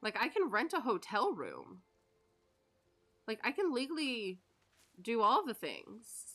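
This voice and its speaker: Chatting casually while she plays, a streamer in her thirties rambles loosely through her stories, laughing often and swearing offhandedly. Her voice is a little high and fairly bright, with wildly swooping pitch and a slow pace, and faint music plays behind her.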